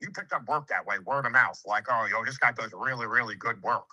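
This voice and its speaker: A man's voice: mid-range voice, a little fast, bright, forceful tone, husky, poor audio. Brash streetwise contractor man in his fifties. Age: 50s. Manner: brash, streetwise, lectures with swearing and acted-out quotes. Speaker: home improvement contractor. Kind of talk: casual sales conversation.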